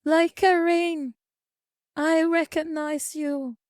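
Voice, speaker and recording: Speaking slowly in a very high, darkish voice with a steady tone, a VTuber streamer chats casually with viewers. She reads out their comments and lectures them, captured in studio quality with no echo.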